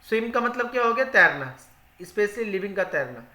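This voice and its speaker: A man's voice: high-pitched, very animated, fairly quick, bright, forceful tone. A male teacher who explains spelling rules. He repeats each rule in Hindi and asks questions that he then answers himself. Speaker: English teacher. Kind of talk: spoken grammar lesson. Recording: echoey room.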